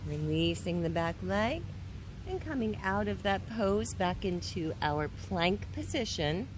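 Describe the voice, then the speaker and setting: A woman giving guided yoga instruction in a careful, unhurried way. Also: medium pitch, lively intonation, background noise.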